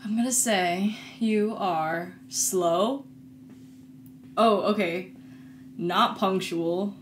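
A woman's voice: medium pitch, drawn-out words, slight background noise. A young woman hosting a casual chat, telling rambling stories and laughing often. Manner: giggly, rambling storytelling. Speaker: host.

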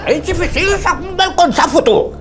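A man's voice: very high voice, brisk, crowd noise. An actor playing a bumbling, grumbling old man with a Mauritian accent as a quiz contestant in a comedy sketch. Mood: muttering. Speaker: game show contestant. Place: TV studio set.

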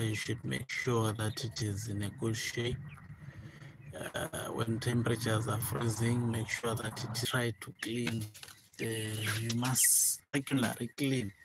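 A man speaking softly and hesitantly with many fillers, showing his broiler chickens in a chicken house on a handheld phone. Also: fairly low pitch, background noise. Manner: soft, hesitant, many fillers and repeated words. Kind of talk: informal farm walkthrough vlog. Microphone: handheld phone, speaker off camera. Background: chickens chirping.

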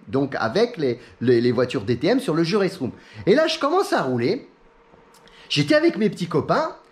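A chatty middle-aged man from France talks straight to his viewers in a casual vlog. His voice sits high and swings widely as he tells stories. He acts out what other people said and laughs often. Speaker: sim racing YouTuber. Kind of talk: casual talking-head chat.

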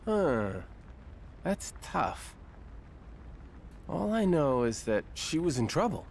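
A man's voice: fairly high pitch, sing-song, slow pace, vocal fry, slight background noise, full character voice. A man voicing a brawny, upbeat and confident young hero in a video game. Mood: thoughtful. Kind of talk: video game cutscene acting.

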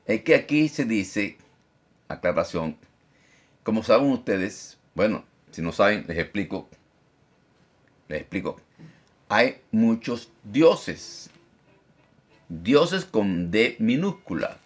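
A man teaching a Bible study as pastor, animated, often repeating phrases and checking in with his listeners. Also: slow pace, long pauses. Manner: lively, animated teacher who mimics critics in a high mocking voice. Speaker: pastor teaching a discipleship class.

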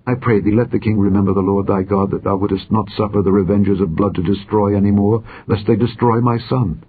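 An imploring widow in mourning, as a man reads her part, her words slow and urgent. The voice is deep yet raised, very husky. The recording sounds dull and lo-fi. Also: fairly even intonation. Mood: pleading. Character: woman, a pleading widow in mourning.

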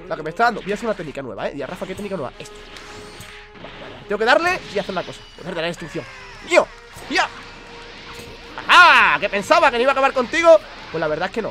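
A high-pitched young gaming YouTuber from Spain, speaking with a Spanish accent, narrates his online match as he plays. He is excitable and fast, counting out combos and cursing when he messes up. He sounds under the weather and keeps coughing.

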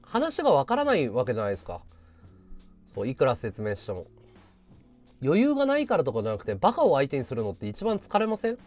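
A man's voice: medium pitch, wildly swooping pitch, fast talker, darkish tone, soft background music. A man livestreaming in casual chat, answering viewer comments with sarcastic, combative ranting.

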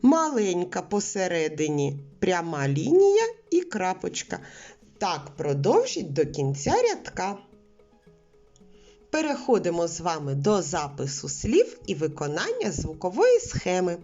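Woman preschool teacher, slow and very lively in pitch, slightly dull recording with faint music. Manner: slow, clear, sing-song explaining to small children. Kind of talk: children's literacy lesson.

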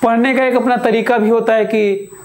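A man teaching a physics lecture, explaining by repeating examples aloud with long pauses and slowly dictating notes. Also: very high voice, fairly even intonation, echoey room. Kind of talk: classroom lecture.

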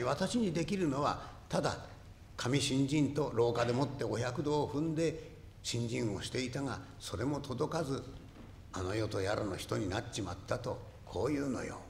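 A rakugo storyteller voicing a tearful Edo-era courtesan with a soft, hushed manner, recorded in an echoing hall. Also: male voice, medium pitch, vocal fry, slight background noise. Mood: sorrowful. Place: stage before an audience.

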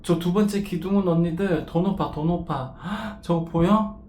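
A woman's voice: on the low side, unhurried, warm tone. A woman vlogging alone from inside a cable car cabin, frightened, exclaiming and swearing nonstop as she films on her phone. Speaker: travel vlogger. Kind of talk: casual self-filmed commentary. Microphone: handheld phone camera. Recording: roomy enclosed cabin with faint noise.

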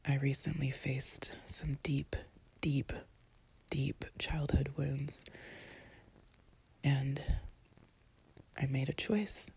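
Woman doing whispered role-play as a comforting girlfriend, super breathy n husky, really slow. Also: extremely low pitch, flat delivery, a little mellow, low-quality recording. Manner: slow, soothing, tender delivery with long pauses. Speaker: intimate audio performer playing a comforting girlfriend.

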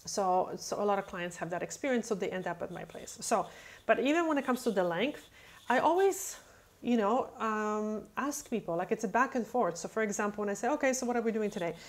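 A nail technician in her thirties, not a native English speaker, answers questions casually into a webcam mounted over a screen in an indoor room. Her mid-range voice is animated and a little fast. Chatty and full of fillers, she acts out conversations with clients as she explains.

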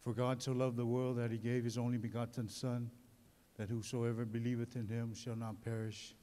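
Dark-voiced pastor in a reverberant hall. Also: male voice, mid-range voice, flat delivery, normal speed. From American Samoa. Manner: solemn, preacherly. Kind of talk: speech with scripture reading. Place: large indoor hall with an audience. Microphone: handheld microphone.

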